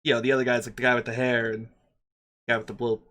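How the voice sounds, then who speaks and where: A man voicing a friendly male taxi driver in a tabletop role-play, halting and folksy. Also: mid-range voice, flat delivery, a bit bright, lightly acted. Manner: halting, folksy, fumbling for words.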